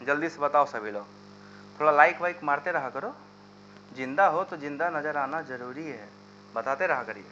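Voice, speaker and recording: A man's voice: medium pitch, bright, forceful tone. A man teaching a live online chemistry lesson, into his talk and urging students to answer in the comments. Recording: dull lo-fi sound with faint hum.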